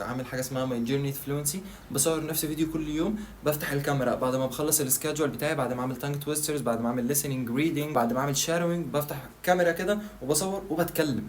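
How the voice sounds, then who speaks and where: A medium-pitched man with an Egyptian Arabic accent runs a relaxed tutorial for his language-learning channel, talking right to the viewer. He raises questions himself and then answers them, and there's a slight hiss or hum behind him.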